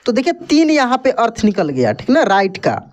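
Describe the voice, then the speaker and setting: A man's voice: high-pitched, wildly swooping pitch, brisk, dull audio. A man teaching English vocabulary in a lesson, spelling each word letter by letter, then repeating it and its meaning patiently, often checking in with the listener.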